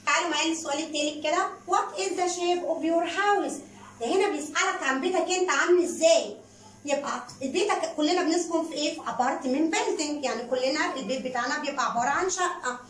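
Egyptian woman teacher, high voice, brisk classroom explaining; echoey room, mic set back. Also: fairly bright tone, distant mic, a little hiss or hum. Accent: Egyptian Arabic. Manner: brisk explaining, addresses pupils as kids. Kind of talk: recorded online school lesson.

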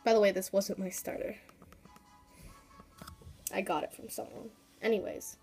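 Fighting a cold and sniffling, a gaming YouTuber rambles through casual walkthrough commentary full of fillers and asides, with soft music underneath. Her mid-range voice is darkish, with vocal fry, fairly even intonation and a normal pace.

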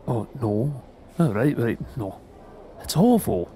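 A man's voice: medium pitch, very animated, slow pace, warm tone, slight background noise. A man playing a reluctant young boyfriend in an audio role-play, grumbling in a wry, exasperated way.

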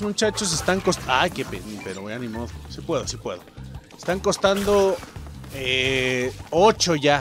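A young man with a Mexican accent giving casual let's-play commentary, swearing and yelping at his mistakes and talking straight to his viewers. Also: mid-range voice. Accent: Mexican Spanish. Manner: excitable, swears and yelps at mistakes, talks to viewers. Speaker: gameplay streamer.

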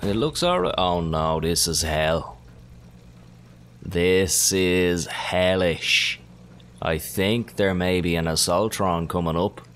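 A foul-mouthed man talks through his game in a casual let's-play, his voice sitting very low and his pace slow and drawn out. He swears constantly and flares into excitable outbursts. A faint hiss of noise runs underneath. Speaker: gaming commentator.

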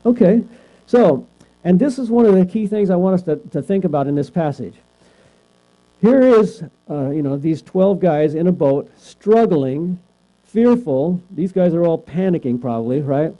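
A man's voice: high voice, expressive, moderate pace. A man teaching a Bible class in a conversational way, often asking the class questions and checking in with "right?". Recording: lo-fi recording with mains hum.

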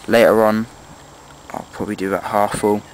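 Filmed handheld beside a tree-lined pond, this young man, an angler vlogger, talks a little fast in a lowish voice as he walks through his fishing setup. His manner is relaxed and chatty, and the rough recording is full of loud outdoor noise.

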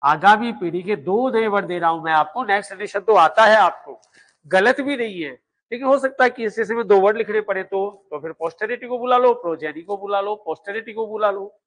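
Guy teaching a class, fairly high voice, keeps hammering points home, asks and answers his own questions. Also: a little fast, fairly bright tone. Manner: emphatic, repetitive drilling, rhetorical questions. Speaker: law exam coaching teacher. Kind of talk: classroom lecture.

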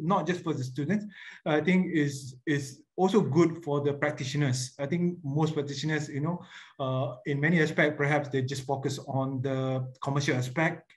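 A man speaks on a video call in a mid-pitched voice with a Malaysian accent. He is informal and hesitant, circling back over phrases and slipping Malay words into his English. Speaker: architect on a webinar panel. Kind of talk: informal question-and-answer discussion. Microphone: video call microphone.

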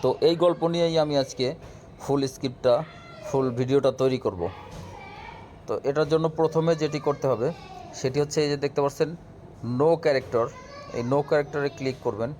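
Speaking at a normal speed with long pauses, this man has a slightly high, darkish voice. He hosts a casual app tutorial, addressing viewers directly and guiding them through each step, with clear background noise and room ambience in the recording.

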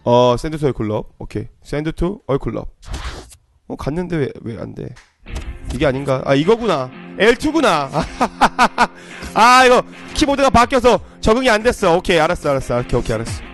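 A young man streaming a football game, commentating live with hyped shouting as he opens card packs. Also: on the high side, sing-song, moderate pace, soft background music.

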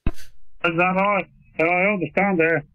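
A man from Ireland, heard over a shortwave radio as a ham operator, speaking in steady radio procedure and ending each turn with "over.". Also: high voice, unhurried, slight background noise. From Northern Ireland. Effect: heard over a shortwave radio receiver. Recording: tinny narrow-band radio signal.

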